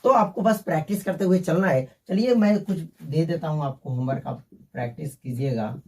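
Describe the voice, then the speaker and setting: A man's voice: fairly high pitch, a little fast, darkish tone, far from the mic. A man teaching a basic math lesson, working through sums step by step and calling his viewers "my friend".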